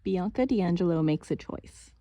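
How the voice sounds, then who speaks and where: A woman's voice: lowish voice, expressive, normal speed, warm tone, dry recording. A woman narrating an audiobook in a casual, first-person storytelling manner.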